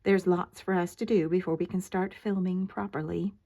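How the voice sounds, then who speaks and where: Grandmotherly woman voicing a bossy, excitable male film director. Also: on the low side, normal speed, vocal fry. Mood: brisk.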